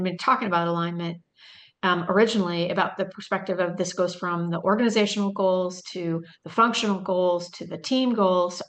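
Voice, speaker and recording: A woman's voice: lowish voice, fairly bright tone. A woman presenting a training webinar in a loose, conversational way, thinking aloud with frequent fillers and rhetorical questions. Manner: storytelling, with quoted lines in a lifted voice.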